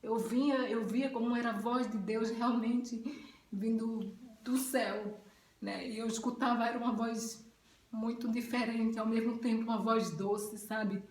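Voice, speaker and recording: A woman's voice: fairly high pitch, fairly even intonation, unhurried, a little mellow. A woman, giving a heartfelt personal testimony in a casual spoken way. She talks earnestly and often ends phrases with a tag question. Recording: roomy echo.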